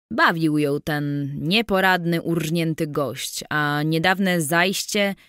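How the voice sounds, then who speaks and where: Slow, measured woman audiobook narrator. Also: low voice, no echo, clean studio sound.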